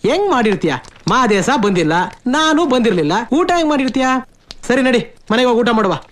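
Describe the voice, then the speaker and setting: An actor playing an earnest, emotional rustic village man in film dialogue, calling out loudly. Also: extremely high pitch, sing-song, a little fast. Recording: dialogue under loud music.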